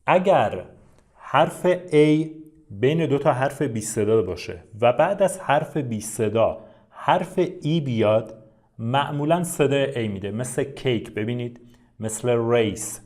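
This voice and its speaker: A man teaching English to beginners at a steady, patient pace. He spells out letters and vowel sounds one by one with plenty of short pauses. His voice sits at an ordinary male pitch. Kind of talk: Persian-language English lesson.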